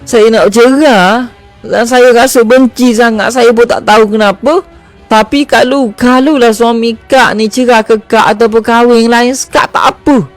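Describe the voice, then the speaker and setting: A man's voice: steady tone, a little slow, soft background music. A man putting on a tearful, bitter wife with a Malaysian Malay accent. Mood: pleading. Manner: pleading, tearful high-pitched voice. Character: tearful middle-aged wife, bitter toward her husband.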